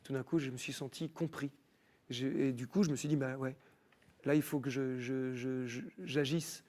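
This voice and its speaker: With a mid-range voice and moderate pace, a musician from France recounts his faith testimony on a TV studio set. He's an animated storyteller who performs the voices of the people he quotes.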